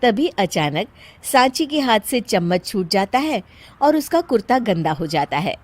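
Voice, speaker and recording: A woman narrating a children's cartoon story in a slow, sing-song manner. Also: mid-range voice, very animated, a little mellow.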